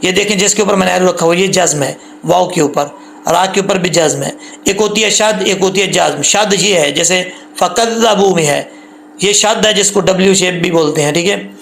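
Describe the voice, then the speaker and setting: A man teaching tajweed rules patiently, repeating points and drawing out the recited syllables slowly. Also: high-pitched, creaky, a bit bright, slight background noise. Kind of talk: tajweed lesson with slow recited examples.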